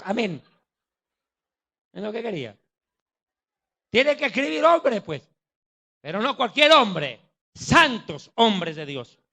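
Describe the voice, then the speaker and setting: A man's voice: high voice, sing-song, slow pace, gravelly, pauses often, sharp tone. A man preaching a sermon in a mocking, jokey and emphatic manner.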